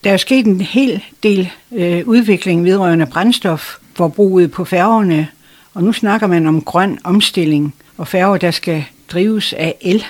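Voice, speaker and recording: A host reading a scripted introduction and then asking a historian questions in a clear, measured way. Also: mid-range voice, no room sound.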